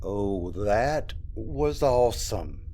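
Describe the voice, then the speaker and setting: A man's voice: lowish voice, lively intonation, extremely slow, dark tone, a little hiss or hum. A man playing an eager, admiring apprentice in a comedic audio drama. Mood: earnest awe.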